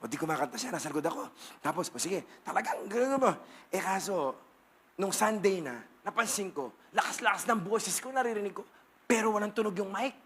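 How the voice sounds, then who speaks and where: Bright high-voiced man preaching. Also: expressive, fairly quick, husky. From Philippines. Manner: humorous, playful storytelling with bursts of shouting. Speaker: pastor. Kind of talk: testimony sermon.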